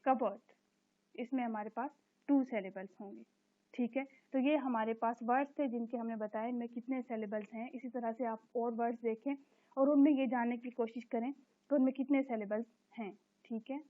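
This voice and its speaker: A woman teacher explaining an English lesson step by step, repeating each word slowly. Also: on the high side, fairly even intonation. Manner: explains step by step, repeats words slowly and checks with a recurring "theek hai". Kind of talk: recorded classroom lesson explaining English grammar. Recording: tinny phone-like recording.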